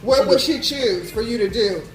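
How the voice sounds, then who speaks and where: A woman's voice: a little high, lively intonation, normal speed. A woman casually hosting a game, putting questions to contestants. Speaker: host quizzing contestants. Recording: echoey room with music behind.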